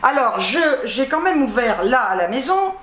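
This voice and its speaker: Fast-chatting woman in an echoey room. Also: a little high, big pitch swings, fairly bright tone, slight background noise. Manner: rambling, chatty, reads product labels aloud; fast talker who trips over her words. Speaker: YouTube host. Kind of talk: casual haul vlog.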